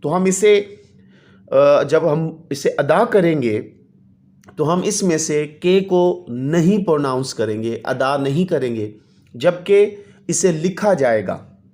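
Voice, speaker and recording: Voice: mid-range voice, expressive, slow, darkish tone. A teacher explains an English lesson to children, reading each English line aloud and then translating it, with polite fillers. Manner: patient, addresses children, adds polite fillers.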